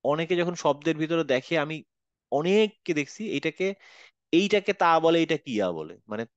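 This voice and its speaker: A man's voice: a little high, very animated, normal speed, dry recording, lo-fi sound. A man teaching Quran letter pronunciation in an online class, patiently saying each sound over and over. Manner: patient, demonstrates sounds by repeating them.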